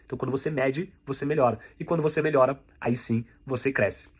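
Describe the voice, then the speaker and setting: A man's voice: mid-range voice, fast, slightly rough. A man with a Brazilian Portuguese accent teaching an online sales lesson, speaking directly to the viewer and repeating key points so they can be noted down. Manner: direct, repetitive coaching, addresses the viewer as you. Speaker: sales instructor.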